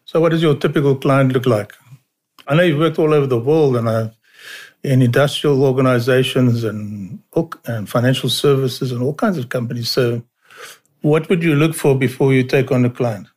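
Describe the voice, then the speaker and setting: A man's voice: medium pitch, moderate pace, darkish tone. A man hosting an interview, asking questions conversationally and backing the guest with frequent murmurs of agreement. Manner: conversational, frequent mm-hmm backchannels. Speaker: interview host. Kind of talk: podcast interview.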